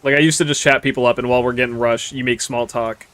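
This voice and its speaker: A man in his twenties giving relaxed, rambling gameplay commentary and chatting with viewers, swearing casually. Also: mid-range voice, quick pace, smooth. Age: 20s. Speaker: gaming streamer.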